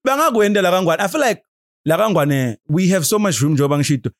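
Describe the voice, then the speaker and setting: A young man with a Swazi accent chatting casually on a podcast in an animated, repetitive, slangy way, switching between languages. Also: sits high, fast. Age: young adult. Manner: animated, repetitive, peppers talk with "bro".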